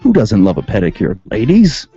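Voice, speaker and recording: A sarcastic man hosts a comedic radio segment, reading out rules and riffing on them. His voice is mellow and swings widely in pitch. The sound is dull and lo-fi, with faint music underneath. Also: wildly swooping pitch, moderate pace, slightly rough. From Western New York. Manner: sarcastic, reads rules aloud and riffs on them. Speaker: radio show host. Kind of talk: comedic commentary.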